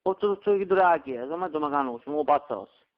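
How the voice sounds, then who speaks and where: Over a tinny telephone line, a man with a Sicilian accent makes a prank call. His voice sits fairly high, and he talks in a crude, insistent way with stammering taunts. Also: animated, fast. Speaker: prank caller.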